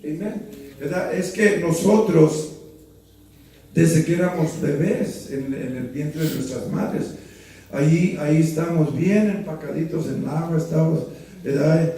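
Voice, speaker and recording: A middle-aged pastor with a fairly high voice preaches a fervent sermon. He moves between Spanish and English and punctuates his points with amens. His voice rings through an echoing church hall, picked up from a distance. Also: unhurried, mellow.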